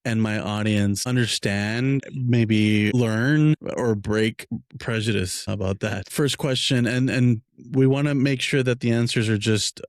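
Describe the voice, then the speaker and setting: A man's voice: on the low side, steady tone, a little slow, hardly any pauses, no room sound, studio quality. A man hosting a podcast interview, asking questions in a hesitant way with frequent restarts. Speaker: podcast host.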